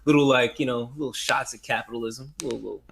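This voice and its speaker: A man's voice: mid-range voice, fairly even intonation, quick pace, creaky, a bit bright, husky. A man co-hosting a casual film chat, talking in an informal, slangy way with some swearing. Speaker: podcast co-host.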